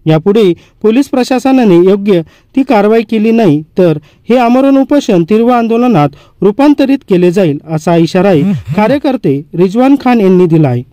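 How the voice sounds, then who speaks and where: A man reading a news report as a voice-over in a measured, formal delivery. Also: high-pitched, expressive, mellow, no echo.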